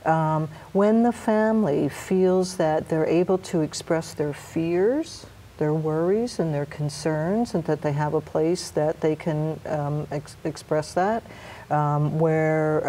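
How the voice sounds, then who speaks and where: A middle-aged woman, a hospice nurse educator, answering interview questions in a soft, halting, hesitant way. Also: low-pitched, slight background noise, low-quality recording. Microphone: lapel mic.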